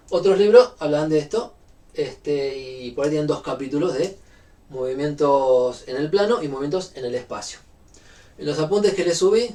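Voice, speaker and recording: A man's voice: on the high side, mellow, distant mic. A man with a Rioplatense Spanish accent giving a university physics lecture, explaining step by step with frequent fillers.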